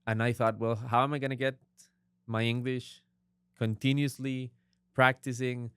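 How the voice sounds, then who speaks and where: A man's voice: medium pitch, level tone, moderate pace, fairly bright tone, smooth, dry recording, studio quality. A young Costa Rican man with a Costa Rican accent, a guest author explaining his writing earnestly in a casual interview. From Costa Rica. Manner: earnest, explaining at length with many affirmations.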